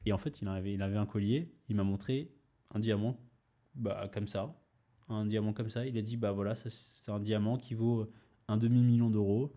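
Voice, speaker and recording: Young guy rambling through a story on his podcast, lots of euh and restarts, lowish warm voice. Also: fairly even intonation, normal speed. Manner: rambling, many fillers and restarts, mild swearing. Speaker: podcast host. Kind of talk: casual storytelling.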